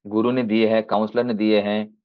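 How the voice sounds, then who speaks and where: A man giving a storytelling sermon on a video call, acting out a child and father in turn, rising high for the child and dropping soft for the father, with English phrases mixed in. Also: little pitch movement, moderate pace. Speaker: devotional speaker. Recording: dull lo-fi video call audio.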